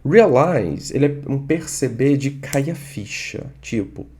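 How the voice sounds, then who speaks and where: A man with a Brazilian Portuguese accent teaching an English lesson online, patiently repeating and drilling words slowly. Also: mid-range voice, animated, a little mellow, husky.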